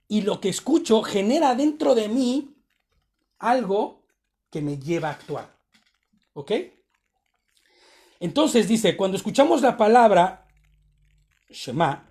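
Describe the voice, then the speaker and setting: A man's voice: high-pitched, darkish tone. A man giving a conversational sermon on a Torah portion to his congregation, often checking in with short tag questions. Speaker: congregation teacher.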